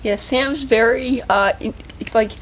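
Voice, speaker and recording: A woman's voice: on the high side, slow pace, slight background noise. Giggly young female podcast host. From Georgia, USA. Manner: giggly, teasing, hesitant with fillers. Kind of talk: casual chat.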